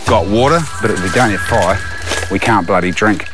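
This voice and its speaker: A man's voice: on the low side, normal speed, over music. A man with a broad New Zealand accent chatting casually and bluntly in matey slang outdoors. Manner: laid-back, matey, blunt slangy talk. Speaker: survival show adventurer. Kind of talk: casual unscripted chat and on-camera commentary. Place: outdoors on a river and in wetlands.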